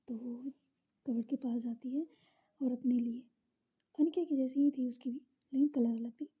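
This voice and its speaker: A woman narrating a romance story in a soft, half-whispered, breathy voice. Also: high voice, lo-fi sound.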